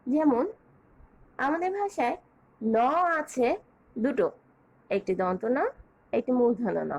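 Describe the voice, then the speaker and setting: A woman teacher giving an online grammar lesson, speaking in a measured, clear way as she lists points and spells out examples. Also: on the high side, animated, darkish tone, lo-fi sound.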